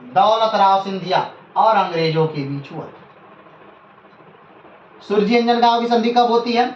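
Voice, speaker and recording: A man's voice: high voice, unhurried. A man giving a history lecture for a video, quizzing his viewers and answering his own questions, often correcting himself mid-sentence. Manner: self-correcting, restarts mid-word. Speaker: history teacher. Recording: roomy, slightly dull sound with faint background noise.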